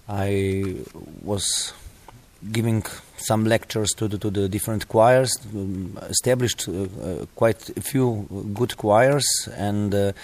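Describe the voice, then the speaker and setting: A middle-aged man from Slovenia with a Slovenian accent, a composer and music teacher, answering interview questions in halting English with many pauses. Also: fairly low pitch, darkish tone.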